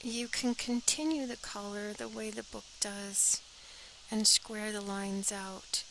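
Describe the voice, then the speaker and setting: A woman's voice: mid-range voice, steady tone, slow, creaky, sharp tone, slight background noise, rough recording. A woman teaching a step-by-step sewing pattern drafting tutorial, practical and talking as she works, often dropping to an airy half-whisper.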